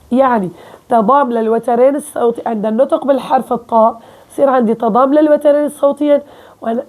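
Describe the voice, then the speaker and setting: High-voiced woman teaching with a Levantine accent. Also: a little mellow. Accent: Levantine Arabic. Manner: explains step by step, often checking with "okay?". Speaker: Quran recitation teacher. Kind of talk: casual spoken lesson.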